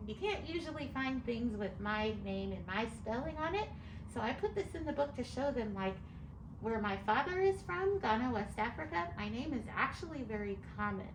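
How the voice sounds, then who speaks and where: A middle-aged American author answers interview questions articulately, laying things out step by step in an expressive, rather high voice at normal speed. The room is echoey and background noise is clearly audible.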